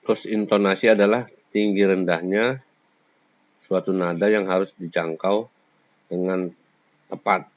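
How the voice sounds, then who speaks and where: A man's voice: low-pitched, fairly even intonation, unhurried, pauses often. A man teaching a school lesson, explaining each point in turn and sometimes singing short examples. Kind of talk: classroom lecture. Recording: slightly dull lo-fi sound.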